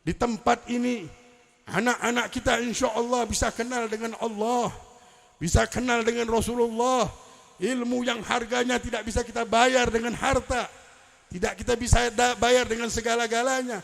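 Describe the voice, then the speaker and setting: A man preaching to a crowd, his high voice rough and gravelly. He tells stories with emphatic, rising delivery and mixes in Arabic quotes. The sound carries a long hall echo from the venue. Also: flat delivery, moderate pace. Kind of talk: religious lecture at a public celebration. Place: large event hall.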